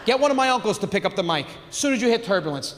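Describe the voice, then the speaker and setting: A man's voice: high voice, expressive, very fast, fairly bright tone. A young man doing a brash, profane stand-up set on stage into a handheld mic. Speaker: stand-up comedian. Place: comedy stage in a theater. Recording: live hall reverb, faint crowd.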